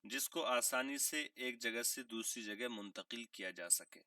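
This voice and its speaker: A man teaching a vocabulary lesson, asking questions and answering them himself, repeating key words and clearing his throat now and then. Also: mid-range voice, bright, forceful tone, dry recording, studio quality, distant mic. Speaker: English teacher.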